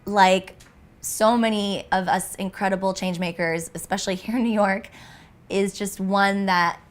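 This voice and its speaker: A woman hosting an interview series, speaking affectionately with drawn-out phrasing. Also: mid-range voice, fairly even intonation. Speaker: interview host.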